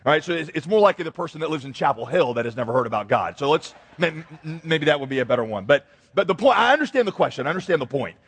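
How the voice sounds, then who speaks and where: A man delivers a sermon from the pulpit, his voice higher than most and a touch husky. He tells stories with animated acted-out voices. The sound rings with the long reverb of a large hall. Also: fast, few pauses. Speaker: pastor. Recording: echoey hall.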